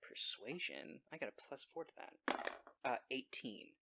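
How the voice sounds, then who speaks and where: A man's voice: medium pitch, big pitch swings, a little slow, gravelly, noisy background. A man playing a tabletop role-playing game, chatting casually and speaking in character.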